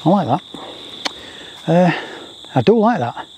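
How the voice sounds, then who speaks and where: A man with a soft, mellow tone, pitched a little high. He rambles casually as a vlogger, repeating himself and gently mocking himself. Faint outdoor noise and insects sit behind him. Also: big pitch swings, a little slow, low-quality recording. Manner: chatty, self-deprecating, repeats phrases. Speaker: landscape photographer, vlogger. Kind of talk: casual rambling vlog commentary. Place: outdoors on a grassy rural roadside.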